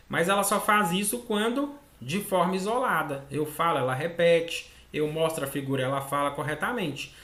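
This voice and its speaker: Bright-voiced Brazilian man teaching in an echoey room. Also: high voice. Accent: Brazilian Portuguese. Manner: explanatory, acts out child and mother dialogue, frequent "né?". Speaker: speech therapy teacher. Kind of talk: online lecture.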